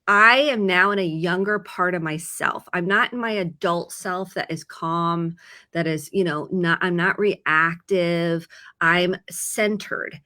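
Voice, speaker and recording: Middle-aged lady therapist, earnest, talks it through w/ examples, bright clear tone. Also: lowish voice, slow pace. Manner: earnest, explains with examples and acted quotes. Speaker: licensed therapist. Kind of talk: conversational advice segment.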